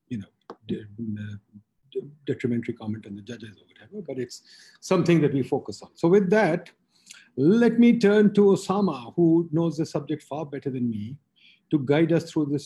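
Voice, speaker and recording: A man's voice: mid-range voice, mellow, husky. A man with a Pakistani accent hosting a webinar, presenting informally with slides in short, emphatic statements. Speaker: webinar host.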